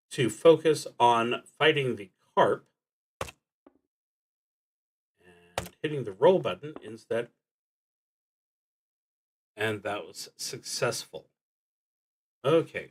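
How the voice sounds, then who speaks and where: A man with a medium-pitched voice streams a solo tabletop roleplaying game, thinking aloud in a halting, deliberate manner and pausing mid-thought.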